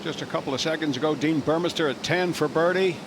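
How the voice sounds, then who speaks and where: A man's voice: on the high side, fast talker. A man giving live golf commentary as a tournament commentator, calling shots as they happen. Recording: loud crowd and wind outdoors. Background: outdoor tournament ambience, crowd noise.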